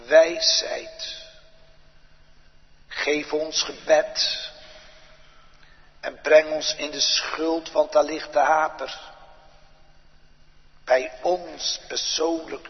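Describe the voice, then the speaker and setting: A pastor praying aloud from the pulpit in a slow, solemn litany of petitions, recorded in a large church. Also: male voice, fairly high pitch. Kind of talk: pulpit prayer. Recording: dull lo-fi church recording with long reverb.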